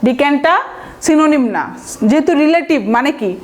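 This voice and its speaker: A woman's voice: high voice, a little fast, darkish tone. A woman teaching vocabulary in an exam-prep lecture. She explains step by step, spells words out letter by letter and asks her class rhetorical questions.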